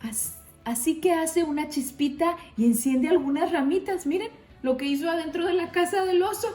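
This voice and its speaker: A woman reading a picture book aloud to children, gently pointing them to the pictures. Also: extremely high pitch, normal speed. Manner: gentle, addresses kids, shows pictures. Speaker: storybook reader. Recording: roomy with faint music.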